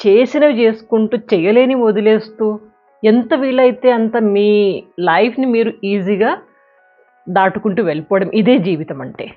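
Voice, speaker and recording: Woman motivational speaker, storytelling delivery, dull lo-fi audio with faint music behind. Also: a little high. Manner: storytelling, conversational, with sound words. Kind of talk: motivational talk with a fable.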